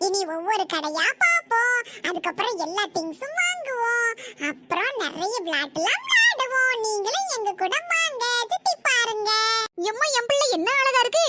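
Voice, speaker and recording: Squeaky chipmunk cartoon villagers. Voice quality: squeaky, sped-up sounding. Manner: chatty, calls to family and viewers. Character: chipmunk-pitched cartoon village mothers and kids. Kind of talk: cartoon voice acting. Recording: noisy cartoon soundtrack.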